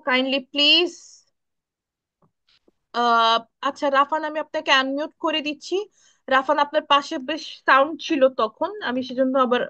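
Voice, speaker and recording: A woman's voice: high-pitched, bright, forceful tone, highs cut off. A woman teaching Italian pronunciation on a video call, patiently repeating sounds for students to echo. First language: Bengali. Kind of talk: online class, pronunciation drills.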